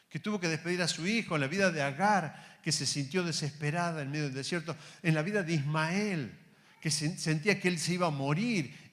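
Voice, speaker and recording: A man with an Argentine accent, preaching a sermon to his congregation. He calls them brothers, asks many rhetorical questions and drops to a soft, slow voice when quoting God. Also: a little high. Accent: Argentine Spanish.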